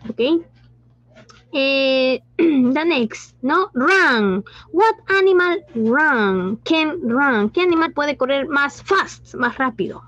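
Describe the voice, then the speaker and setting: High-voiced woman teacher. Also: expressive, drawn-out words, fairly bright tone, no room sound. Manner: mixes Spanish and English, asks questions and praises pupils. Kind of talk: online class teaching. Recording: dull lo-fi sound.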